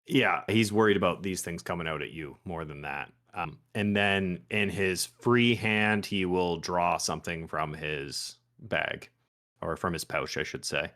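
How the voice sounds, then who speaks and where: A man's voice: deep voice, a little slow, fairly bright tone. A man playing a tabletop roleplaying game, casually narrating his character's moves in the third person.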